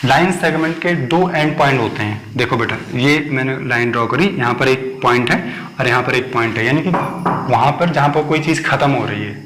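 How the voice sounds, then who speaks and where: A male maths teacher explains ideas at a board in a mid-pitched voice. He is patient and repeats himself, often asking whether the point is clear. The sound rings in an echoey room. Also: fairly quick, fairly bright tone, slight background noise. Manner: patient, repeats points and checks understanding with the class. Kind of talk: whiteboard maths lesson for children. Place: classroom at a board.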